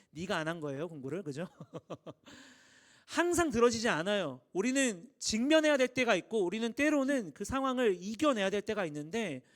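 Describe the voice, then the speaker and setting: A man in his thirties, a youth pastor, giving a lively sermon, acting out little dialogues and asking his listeners questions. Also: sits high. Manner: animated, acts out dialogues, asks the audience questions. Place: church hall.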